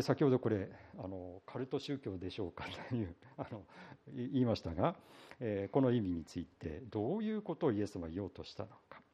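A man's voice: on the low side, breathy edge. Man, pastor, from Iwate, Japan, sermon, folksy storytelling, hesitant fillers, dull lo-fi recording. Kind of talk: conversational sermon.

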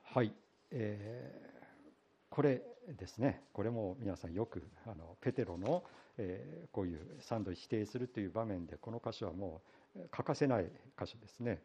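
Husky-voiced man preaching a folksy sermon. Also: fairly low pitch, moderate pace, dull audio. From Iwate, Japan. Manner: relaxed, folksy storytelling with frequent hesitations. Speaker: pastor. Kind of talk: conversational sermon.

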